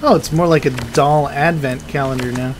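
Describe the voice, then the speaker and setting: A woman's voice: extremely low pitch, normal speed. A woman co-hosting a game playthrough with wry, sarcastic, joking casual commentary. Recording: clear noise and game sound behind.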